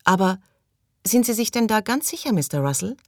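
A woman's voice: fairly low pitch, animated, moderate pace, darkish tone, dry recording, studio quality. A woman reading the lines of a fervent, pious woman who turns whiny in an audiobook.

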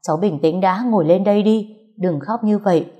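A woman voicing a kind middle-aged woman who gently soothes a crying stranger. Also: mid-range voice, a little fast, lo-fi sound, lightly acted. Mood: consoling.

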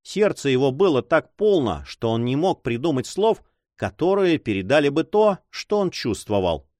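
A man reading a novel aloud in expressive scripted narration. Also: mid-range voice, normal speed, dry recording, studio quality. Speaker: audiobook reader.

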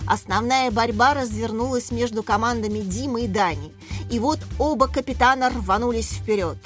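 Give me a woman narrating an audiobook, expressive and steady, her voice on the high side. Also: moderate pace, faint music behind.

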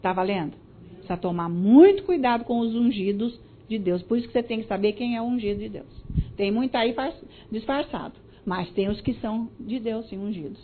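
High-voiced Brazilian woman preaching emphatically. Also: fairly quick. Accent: Brazilian Portuguese. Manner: emphatic, swings between loud stresses and soft asides, talks straight to the listeners. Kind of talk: sermon. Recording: tinny phone-like audio.

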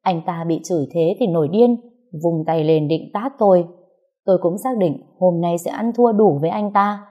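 A woman's voice: fairly low pitch, normal speed, dull audio. A woman narrating a first-person audio story with a bitter, emotional telling.

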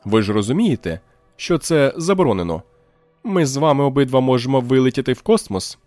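A man reading an audiobook, putting on a higher voice for a touchy, self-satisfied male technician who bursts out indignantly. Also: animated, a little fast, a little mellow, no echo, soft background music, close to an everyday voice. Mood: wary. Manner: shrill, indignant outbursts.

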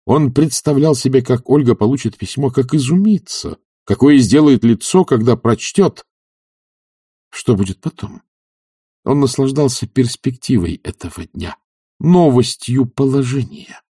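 A man narrating a classic novel as an audiobook, with an expressive, theatrical reading. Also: mid-range voice, measured pace, slightly rough, no echo, clean studio sound.

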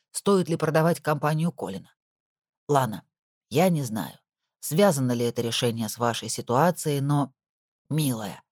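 A chatty older woman from a storybook, low and confiding, drifting into gossip with a soft, motherly tone, as a woman narrator puts her on. Her voice sits deep and dry. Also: dry recording. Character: older woman, caring housekeeper type, gossipy.

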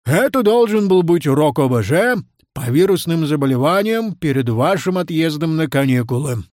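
A woman's voice: sits low, lively intonation, moderate pace, darkish tone, no echo, studio quality. A woman voicing a flustered bearded male class teacher who talks in exclamations and lectures. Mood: rueful.

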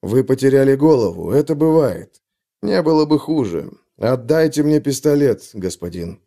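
A man voicing a calm, controlled bodyguard who speaks quietly and in a measured low voice. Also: lightly acted.

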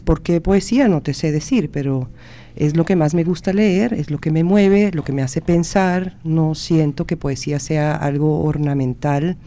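A woman poet answering a radio interview in a thoughtful, reflective way, pausing to search for words. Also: deep voice, dark tone.

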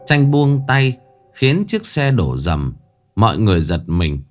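A man narrating a dramatic ghost story in an expressive way. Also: on the low side, unhurried, over music.

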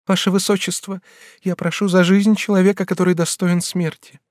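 A man's voice: high-pitched, little pitch movement, a little fast, darkish tone, no room sound, studio quality, voice pushed up, close to an everyday voice. A man reading an audiobook voices a timid, desperate young woman pleading with a prince, in a raised, strained voice. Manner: pleading and tremulous.

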